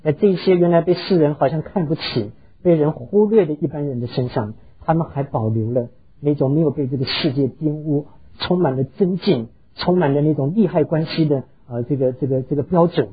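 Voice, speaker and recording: A man's voice: a little high, brisk, slightly rough, lo-fi sound. A pastor preaching a sermon, earnestly telling stories and slipping English words into his talk. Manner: earnest, heartfelt storytelling.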